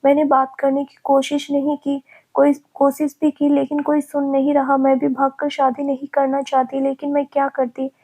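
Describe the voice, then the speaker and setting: Woman doing a scared teary young girl, pleading, high voice kept flat, audio storybook. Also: normal speed. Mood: timid. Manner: anxious, pleading.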